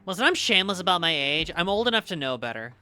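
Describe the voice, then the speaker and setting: A woman's voice: lowish voice, very animated, fast talker, bright, forceful tone, clear, resonant tone. A woman streamer with a slight Southern US accent, rambling and swearing freely as she chats with her viewers while gaming live. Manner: rambling, swears freely, laughs easily, talks to chat.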